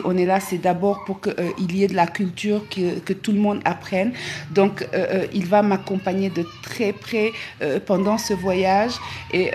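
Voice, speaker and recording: A woman from Senegal talks to her followers during a live travel vlog. Her voice is mid-pitched and darkish, and she stops often, filling gaps with fillers and repeated words. A faint hiss runs in the background.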